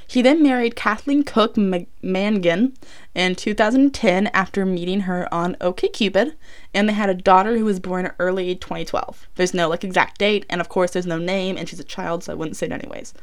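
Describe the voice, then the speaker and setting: A woman's voice: mid-range voice, fairly even intonation, normal speed. A young woman recorded inside a closet, telling true crime stories casually as a podcast host, informal and often tripping over and correcting her words. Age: young adult.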